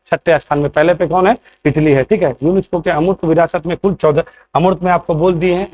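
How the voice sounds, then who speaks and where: Guy teaching exam prep, fairly high voice, keeps asking questions then answering them. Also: darkish tone. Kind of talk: classroom lecture.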